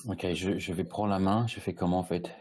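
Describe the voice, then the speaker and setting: British man, low voice, mellow tone, halting webinar talk, video call. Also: flat delivery, a little hiss or hum. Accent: British English. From Britain. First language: English. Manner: halting, many restarts and fillers. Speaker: guest speaker, e-commerce agency head. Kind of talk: webinar presentation.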